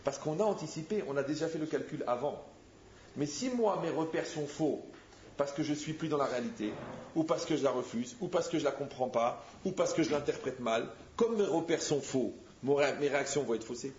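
A man, a rabbi, giving a lively spoken teaching, telling stories and acting out the dialogues in a direct, teasing way. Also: on the high side, fairly quick, a little hiss or hum. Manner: animated storyteller, acts out dialogues, direct and teasing. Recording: echoey muffled room recording.

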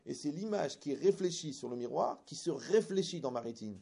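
Male religious lecturer, husky gravelly voice, animated, quizzes the crowd. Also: on the high side, a little fast. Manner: animated, asks the audience rhetorical questions. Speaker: religious teacher. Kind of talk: lecture with anecdotes and humor.

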